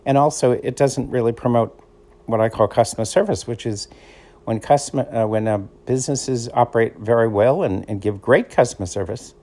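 Brisk and dark-toned at a medium pitch, this middle-aged man speaks in a Boston accent. He's from the Boston area and hosts a casual solo podcast, meandering conversationally like an easygoing storyteller.

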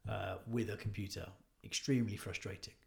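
A man's voice: lowish voice, steady tone, a little fast, gravelly. A man in casual chat as a podcast co-host, telling anecdotes and agreeing often. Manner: anecdotal, agreeable, frequent "yeah" and "you know".

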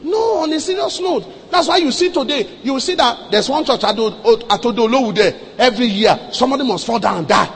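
A man with a Nigerian accent preaching a sermon as a pastor, telling a story and acting out dialogue, swinging between quiet and loud, with some Yoruba mixed in. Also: very high voice, animated, quick pace, hardly any pauses, slight background noise. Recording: long echo in a large hall.

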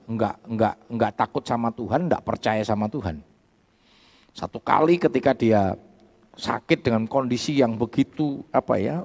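A man's voice: medium pitch, creaky, in a large hall. A man with a Javanese accent, a pastor telling a story in a sermon and calling his listeners brothers and sisters. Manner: addresses listeners as "saudara", building to loud preaching.

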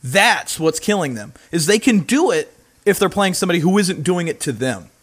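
Brief: male sports-talk host, slightly higher voice, hockey show banter, emphatic and opinionated. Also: expressive, moderate pace, fairly bright tone.

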